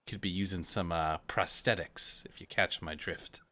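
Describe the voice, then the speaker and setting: A man voicing a gruff old pirate sailor, menacing yet chummy, with a stage pirate accent in a tabletop game. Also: low-pitched, steady tone, normal speed, sharp tone. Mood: wry, ominous. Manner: gruff old seafarer talk with pirate dialect.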